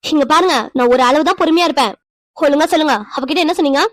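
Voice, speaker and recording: A woman voicing a quick-tempered young wife in a cartoon, scolding and demanding answers. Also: high-pitched, dry recording, clean studio sound, natural voice. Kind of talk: cartoon voice acting.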